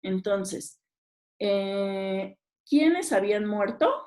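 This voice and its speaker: A woman's voice: medium pitch, lively intonation, very slow, a little mellow. A woman teacher, reading exam questions aloud and talking through each answer, often checking in with her listeners. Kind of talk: exam review lesson.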